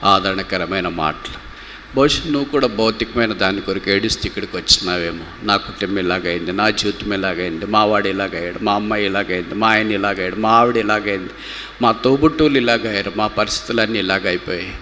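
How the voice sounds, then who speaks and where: A man preaching a gospel sermon with passion, swinging from loud rhetorical questions to low, slow pleading. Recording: reverberant hall with faint background noise.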